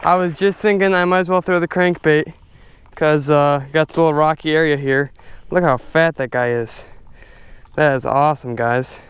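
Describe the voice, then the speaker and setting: A young man casually narrating his fishing from a stand-up paddleboard on a lake, chatty and excitable, talking to his viewers. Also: fairly high pitch, normal speed, clean tone, no room sound. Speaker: fishing vlogger. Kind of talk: casual outdoor commentary. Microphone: head-mounted action camera.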